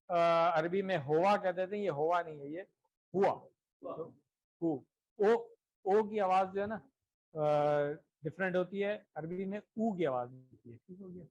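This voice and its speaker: High-pitched encouraging male classroom teacher. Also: poor audio. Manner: encouraging, repeats "theek hai" checks often. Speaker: Arabic teacher. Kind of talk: classroom lesson.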